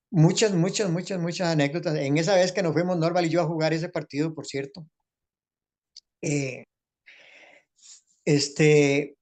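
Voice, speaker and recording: An older man with a Costa Rican accent, a former radio actor who reminisces as a guest and rambles from one anecdote to the next with many restarts. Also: on the high side.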